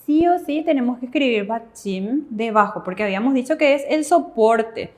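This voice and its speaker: Female co-teacher, somewhat high voice, steady step-by-step explanations. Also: normal speed. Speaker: language teacher answering questions. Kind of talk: classroom explanation.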